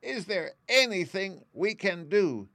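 A man voicing a large, humble field mouse who speaks slowly and respectfully. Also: high voice, big pitch swings, sharp tone, no room sound, voice pushed up, full character voice.

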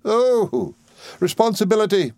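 A man's voice: very animated, unhurried, darkish tone, no echo. A man voicing a fussy, overbearing old widow who gushes and talks with heavy emphasis. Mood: insistent. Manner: shrill, emphatic, gushing. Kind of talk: audiobook character reading.

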